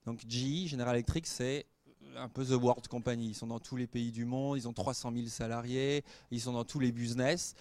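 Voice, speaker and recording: A man in his forties, a guest speaker telling anecdotes to students in a lively way, with many fillers. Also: mid-range voice, brisk. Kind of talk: storytelling talk to students.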